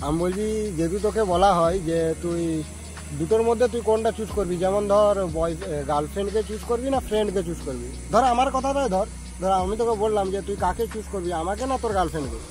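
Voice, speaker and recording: A man hosts in a casual, chatty way and presses with questions. His voice is high and he talks very quickly. Music runs underneath. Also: expressive, darkish tone, low-quality recording. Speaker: host making prank calls to friends. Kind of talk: casual chat.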